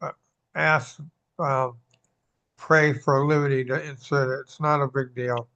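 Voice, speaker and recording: A man on a town selectboard speaking in a relaxed, somewhat rambling way at a meeting. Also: mid-range voice, a little slow. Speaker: selectboard member. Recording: dull lo-fi sound.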